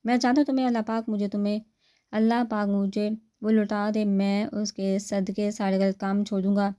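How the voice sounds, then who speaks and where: A woman's voice: medium pitch, flat delivery, dark tone, clean tone, natural voice. A woman voicing a remorseful young husband who pleads tearfully for his wife.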